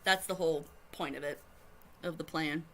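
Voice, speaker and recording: A woman's voice: low-pitched, fairly even intonation, normal speed, a bit bright, slight background noise. A woman streamer reading her fan fiction aloud, giggling and breaking off to explain to friends.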